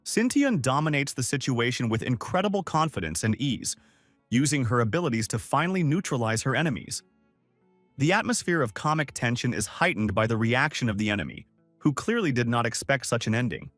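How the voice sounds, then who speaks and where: A man narrating a comic recap in a steady, scripted storytelling read. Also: mid-range voice, brisk, no echo, soft background music.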